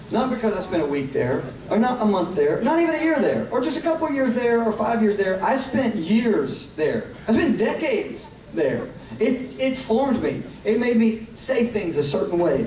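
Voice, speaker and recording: A Tennessee man in his thirties, speaking with a Southern accent in a high, slightly mellow voice, delivers a live sermon. It starts casual and joking, with drawn-out phrasing, then rises to fervor. The audio is echoey, with a distant mic and room noise in a hall.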